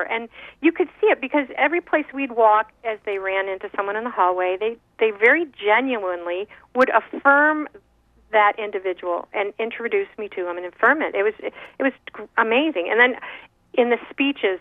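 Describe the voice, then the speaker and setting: A woman's voice: medium pitch, no room sound. Woman telling a story over a tinny phone line. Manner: animated, giggly, restarts a lot. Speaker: guest speaker. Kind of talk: casual storytelling on a radio talk show. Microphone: phone call.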